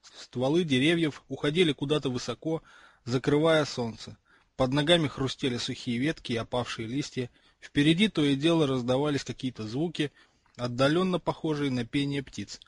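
Sex: man. Role: audiobook narrator. Style: measured scripted narration. Quality: husky. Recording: dry, close. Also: medium pitch, no echo. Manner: measured storytelling.

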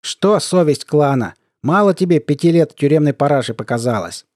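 A man putting on a squeaky, cooing army colonel. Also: lively intonation, moderate pace, darkish tone, dry recording, studio quality, natural voice. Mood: gloating. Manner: lisping, squeaky cooing baby-talk; mocking, taunting. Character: mocking, sly middle-aged male army colonel.

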